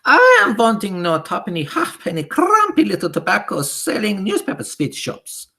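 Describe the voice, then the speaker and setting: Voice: medium pitch, huge pitch swings, moderate pace, vocal fry, bright, forceful tone, pitched above the performer's own voice, full character voice. A reader voicing a tiny, furious female witch leader who screeches and speaks with odd foreign-sounding grammar, in an audiobook. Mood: gloating. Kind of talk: audiobook character voice.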